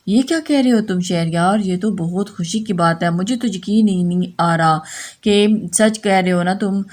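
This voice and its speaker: A woman's voice: on the low side, darkish tone, lightly acted. A woman voicing an eager young woman in love who sulks and teases, in her own plain voice. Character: young woman, sulky then overjoyed fiancée.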